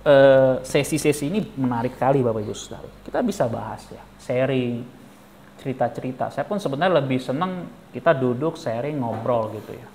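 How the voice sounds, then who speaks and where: A male pastor giving a lively sermon, animated and jokey, questioning the congregation. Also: medium pitch, fairly quick, a little hiss or hum. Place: church.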